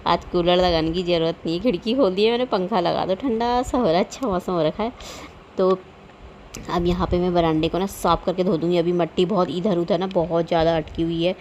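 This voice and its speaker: A woman's voice: lowish voice, brisk, darkish tone, slight background noise. Chatty homely woman narrating her vlog. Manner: chatty, rambling, homely, with frequent filler tags. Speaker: home vlogger. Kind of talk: casual voice-over vlog narration.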